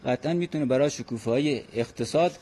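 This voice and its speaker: Mellow-voiced man speaking earnestly. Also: medium pitch. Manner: earnest, measured, frequent hesitant fillers. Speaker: guest expert. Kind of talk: formal radio interview.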